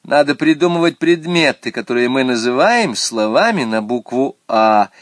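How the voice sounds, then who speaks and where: A man's voice: medium pitch, lively intonation, moderate pace, no room sound, clean studio sound, pitched above the performer's own voice, close to an everyday voice. A man voicing a patient kindergarten teacher explaining a game in a storybook.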